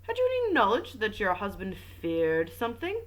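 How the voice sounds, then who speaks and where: A woman's voice: mid-range voice, wildly swooping pitch, normal speed, rough recording. Woman reading as a French magistrate, male, formal, probing, storybook questioning. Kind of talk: audiobook reading with commentary.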